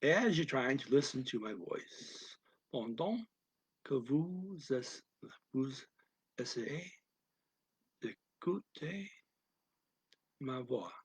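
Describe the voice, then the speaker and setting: A male language teacher works phrase by phrase, alternating each line with its translation in a soft voice that sometimes sinks almost to a whisper. He speaks extremely slowly with a husky, breathy tone. The sound is dry and close, with no room around it. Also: medium pitch, animated, dry recording, poor audio. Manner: deliberate, alternates each English phrase with its French version.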